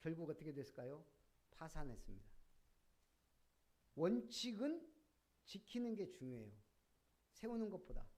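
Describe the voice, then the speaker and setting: A male pastor delivers a sermon in church. His voice sits a little high and swings widely in pitch. He pushes his points with rhetorical questions and sudden emphatic bursts. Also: sing-song, moderate pace, pauses often, a little mellow.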